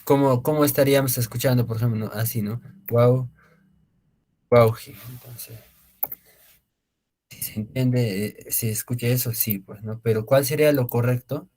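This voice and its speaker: A male language teacher, mid-pitched for a man, lecturing to an online class. He explains slowly and repeats words, with many fillers and tag questions. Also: steady tone, darkish tone.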